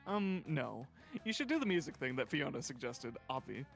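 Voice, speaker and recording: A man's voice: mid-range voice, sing-song, normal speed, vocal fry, a bit bright, faint music behind. A man voicing a sassy, vain socialite reaper from a game, theatrical and haughty. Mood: grandly affected.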